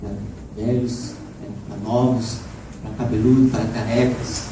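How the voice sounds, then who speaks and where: Preacher guy, a little hoarse, far from the mic in a roomy church, noisy background. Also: mid-range voice, a little slow. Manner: lively, frequent "né?" asides, rising to shouts. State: slightly hoarse. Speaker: evangelist preacher. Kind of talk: sermon. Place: church hall. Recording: echoey church room, voice from far off, background noise.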